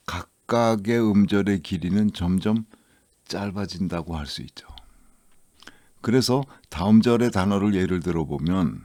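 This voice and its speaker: Slow, deep-voiced male teacher. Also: mellow, no room sound, studio quality. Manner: slow, explanatory, with drawn-out example words. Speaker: English listening teacher. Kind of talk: lecture.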